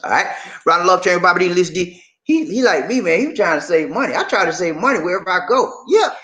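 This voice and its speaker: High-pitched man, Southern Charleston Gullah Geechee accent. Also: lively intonation, quick pace, pushed and bright. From Charleston, South Carolina, USA. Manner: folksy, colloquial, repeats phrases. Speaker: livestream host. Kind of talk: casual livestream chat with viewers.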